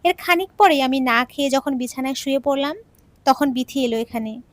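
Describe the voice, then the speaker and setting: A woman's voice: high-pitched, brisk, dry recording. A woman telling an emotional audio story in the first person, earnest and sorrowful, on a close mic.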